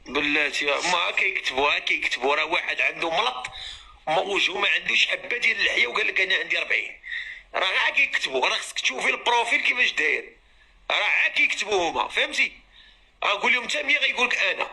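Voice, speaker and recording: A man with a Moroccan Arabic accent runs a live matchmaking stream and calls out to viewers and callers as he goes. His voice sits high and sounds sharp and bright. He talks at a very fast clip. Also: lively intonation, vocal fry, low-quality recording.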